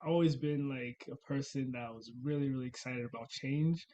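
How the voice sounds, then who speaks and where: A man's voice: mid-range voice, moderate pace, dark tone, a little hiss or hum, poor audio. Hesitant young man from Rwanda. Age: young adult. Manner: hesitant, many ums and uhs, laughs often. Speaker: interview guest. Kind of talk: casual interview chat.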